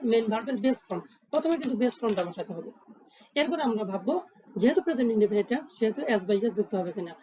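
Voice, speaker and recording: Female grammar tutor, quick delivery, mellow tone, faint hiss behind. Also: a little high, rough recording. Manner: asks questions and answers them herself, repeats key points. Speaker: English grammar teacher. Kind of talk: explaining grammar rules step by step.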